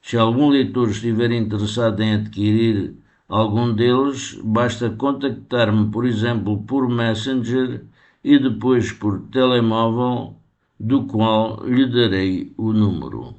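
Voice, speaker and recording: Slow-speaking older man poet. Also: fairly low pitch, darkish tone, muffled recording. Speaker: poet interviewee. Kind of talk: read-aloud interview answers.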